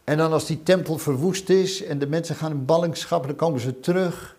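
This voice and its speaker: Guy preaching a sermon, kinda high voice, earnest and repeats stuff. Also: steady tone, a little fast, a little mellow. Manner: earnest, repeats phrases, fervent on prayers.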